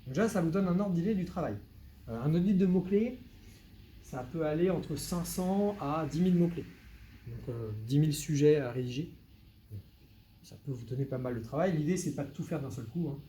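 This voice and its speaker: A man on the higher side for his sex, with a very dark, mellow tone, presenting to a live meetup audience. He talks to the room directly and lively, dropping dry asides as he goes. A faint hiss sits under the voice. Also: normal speed. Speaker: web consultant giving a meetup talk.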